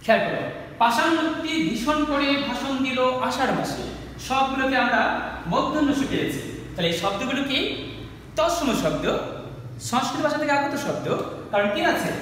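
A male teacher with a Bangladeshi Bengali accent walks students through a grammar lesson, asking questions and then answering them himself. His voice sits very high. The sound is distant and echoey, with a faint hiss behind it. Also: animated, normal speed, a bit bright. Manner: explains step by step, asks and answers his own questions.

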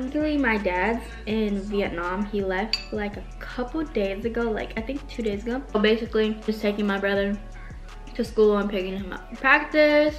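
Chatting to her handheld camera, this young Washington State vlogger fills her speech with "like" as she moves from her kitchen and living room to a car. She has a mid-range, fairly bright voice.

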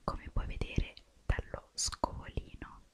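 A young woman whispering softly through an ASMR roleplay as a makeup artist, gently guiding the listener step by step. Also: slow.

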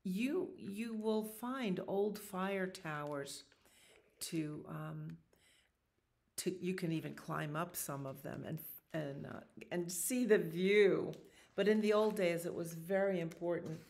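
A storytime reader in her sixties shares a children's picture book in a small library children's room, her low, creaky voice taking on a darkish tone. Unhurried, she pauses to explain the illustrations to the little ones in a relaxed way.

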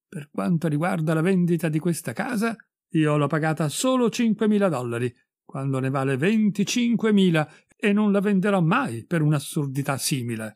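A man's voice: a little high, expressive, normal speed, darkish tone, no room sound, clean studio sound, pitched above the performer's own voice. A man doing a stubborn, angry father. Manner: gruff, insistent.

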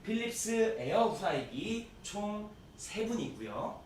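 Male prize-draw host: booming, emphatic announcer, highly animated, recorded in an echoey room. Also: slow. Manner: formal, polite, emphatic delivery. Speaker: host of a prize draw live stream, actor. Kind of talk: live event announcing. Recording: echoey room, distant mic, faint noise.

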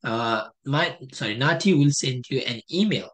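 A man's voice: mid-range voice, expressive, moderate pace, a bit bright. A young man from Nepal giving a casual step-by-step screen-share tutorial on a headset mic at home, with many fillers and restarts. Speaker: test prep tutor. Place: indoor home room.

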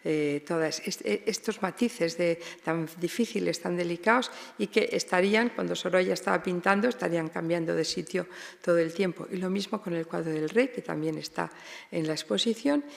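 Woman lecturer with a gravelly voice. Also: fairly low pitch, moderate pace. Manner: hesitant, frequent fillers and tag questions. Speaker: lecturer, exhibition curator. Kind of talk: art history lecture. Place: large hall in a palace. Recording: long reverb of a big hall.

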